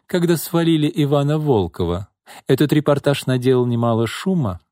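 A man's voice: mid-range voice, animated, normal speed, warm tone, dry recording, studio quality, voice pushed up, natural voice. A man putting on a sly, gossipy woman reporter. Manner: conspiratorial, sweetly insinuating.

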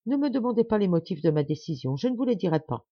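A woman's voice: mid-range voice, big pitch swings, fast talker, slightly rough, dry recording, highs cut off. A woman reading the part of a proud, stubborn middle-aged man who talks with insistent, forced cheer. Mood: earnest.

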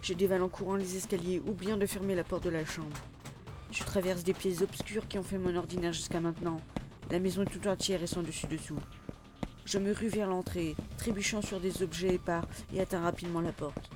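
A man's voice: high-pitched, fairly even intonation, fairly quick. A man narrating a first-person audio drama in a tense, urgent way. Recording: loud music under the voice.

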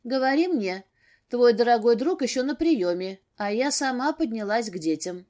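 Woman doing young wife, sarcastic, snappy, higher pitch, audiobook. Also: animated, moderate pace, a little mellow, natural voice. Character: young married woman, sharp-tongued, weary.

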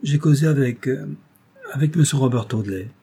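A man's voice: mid-range voice, moderate pace, warm tone, slight background noise, voice pushed up, close to an everyday voice. A man reading a classic novel aloud, voicing a sly young wife who answers her husband with hesitant, embarrassed replies. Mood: evasive. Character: young charming lady, evasive and sly. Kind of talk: audiobook character reading.

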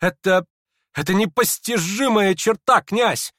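A man voicing a feverish, sick young man who talks in a shrill, excitable rush in an audiobook reading. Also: a little slow, dry recording, clean studio sound. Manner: excitable, shrill, laughing strangely.

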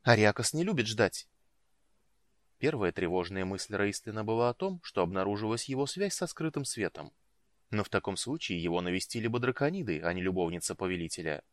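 A man reading a fantasy audiobook as narrator, in an expressive, measured manner. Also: fairly low pitch, dry recording. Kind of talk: scripted narration.

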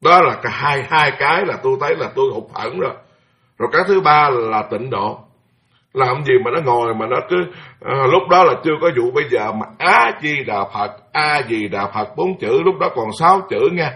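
Animated monk preaching. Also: male voice, mid-range voice, moderate pace. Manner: animated, exclaiming, mimics chanting for effect. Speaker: Buddhist monk giving a dharma talk. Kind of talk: sermon told as personal anecdote.

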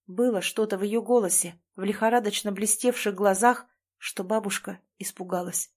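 A woman's voice: medium pitch, fairly even intonation, moderate pace, a little mellow. Woman narrating a story steadily.

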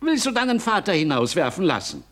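A man's voice: sits high, huge pitch swings, brisk, fairly bright tone, heavily acted. An actor playing a jovial, mischievous elderly father in a classic radio play. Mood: teasing. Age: older. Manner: teasing, playful, gallant. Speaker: visiting father.

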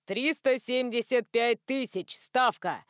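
A woman reading an audiobook, voicing a formal male auctioneer who calls out bids slowly and loudly. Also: fairly high pitch, no room sound, studio quality. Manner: slow, loud, announcing calls. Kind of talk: audiobook character voice.

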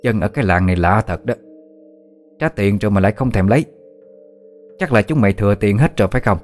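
A man voicing a shrill, cruel middle-aged woman, the wife of a village official, who bosses and threatens the villagers in a told story. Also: fast, faint music behind, lightly acted. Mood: mocking. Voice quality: shrill, shrieking. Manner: bossy, mocking and threatening.

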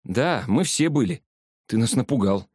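A man's voice: medium pitch, lively intonation, unhurried, a little mellow, husky, dry recording, studio quality, voice pushed up. A man voicing a tired young woman, a caring friend, in an audiobook. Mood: concerned.

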